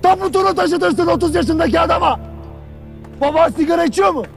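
A harsh barking army commander. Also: male voice, very high voice, fairly quick, vocal fry, faint music behind. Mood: grim bitter. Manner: barking, interrogating, bitterly sarcastic. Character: harsh male army commander berating his soldiers. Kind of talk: film drama acting.

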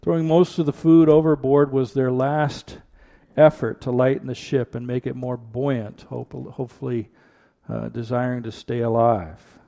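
Gravelly man preaching at a pulpit microphone. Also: mid-range voice, steady tone, a little slow, few pauses, warm tone. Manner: earnest preaching with repeated rhetorical questions. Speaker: pastor. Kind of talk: sermon with prayer and scripture reading. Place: church.

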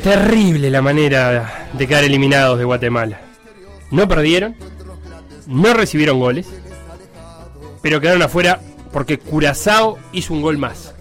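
A man's voice: on the high side, normal speed, pauses often, soft background music. A man with a Rioplatense Spanish accent, co-hosting a comedic sports talk show in a playful, jokey way. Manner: playful, jokey, animated storytelling. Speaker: co-host.

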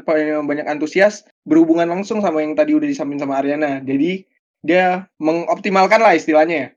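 A young man explaining his view in a casual podcast, restarting phrases as he goes. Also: on the high side. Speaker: podcast guest speaker. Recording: dull lo-fi sound.

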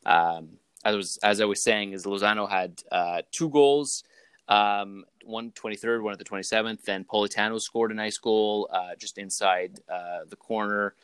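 A young man from Canada hosting a laid-back podcast, his voice pitched low and deep. He talks loosely and rambles, filling pauses with ums and uhs. The recording sounds dry and close. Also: clean tone, dry recording. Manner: relaxed, rambling with many fillers. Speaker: podcast host. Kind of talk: casual chat.

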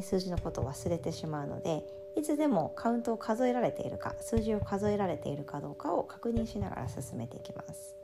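Soft-spoken woman guiding breathing over prominent music. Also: mid-range voice, gravelly. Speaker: yoga breathing instructor. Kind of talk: calm guided breathing and relaxation instruction. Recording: prominent music with singing bowl tones. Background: meditation music with singing bowls.

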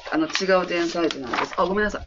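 A woman's voice: fairly low pitch, rapid-fire. Proud, chatty Kansai woman on a dull recording. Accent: Kansai Japanese. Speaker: after-school day service staff. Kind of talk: casual interview, showing children's artwork. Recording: dull lo-fi recording with faint noise.

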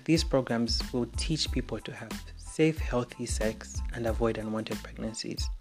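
A young man from Zambia with a Zambian English accent, hosting an opinion podcast in an earnest, frank, scripted monologue. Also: mid-range voice. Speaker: podcast host.

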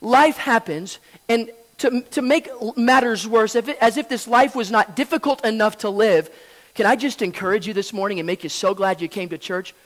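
A man preaching a sermon in church, telling a story with soft asides and loud emphatic lines. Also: sits high, steady tone, fairly quick, long reverb tail. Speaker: pastor. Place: church sanctuary.

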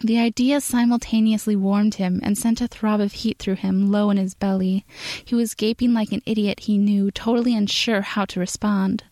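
A woman reading a story aloud in steady, measured scripted narration. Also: mid-range voice, no room sound. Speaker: podfic reader.

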